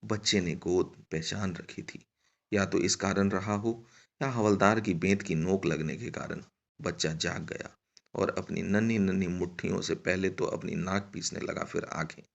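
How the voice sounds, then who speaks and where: Deep, gravelly male storyteller. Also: steady tone, moderate pace. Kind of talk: scripted story narration. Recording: dull lo-fi recording.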